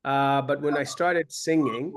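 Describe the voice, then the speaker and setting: A man's voice: fairly high pitch, fairly even intonation, measured pace. A man in his fifties from Uganda, giving a conversational, self-deprecating personal talk to young people as a guest speaker. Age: 50s.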